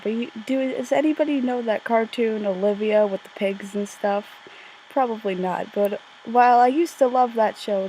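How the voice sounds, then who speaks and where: Deadpan woman recording under a blanket. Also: medium pitch, a little hiss or hum. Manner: deadpan, bored-sounding, stuttering often. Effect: muffled, recorded under a blanket. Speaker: YouTuber. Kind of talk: casual vlog chat. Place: under a blanket in a bedroom corner. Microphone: home recording.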